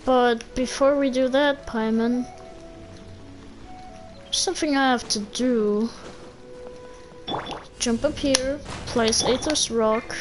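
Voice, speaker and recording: Slow, high-voiced woman streamer muttering. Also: fairly even intonation, over music. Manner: mutters and reacts to the game, hums to herself. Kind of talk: casual gameplay commentary.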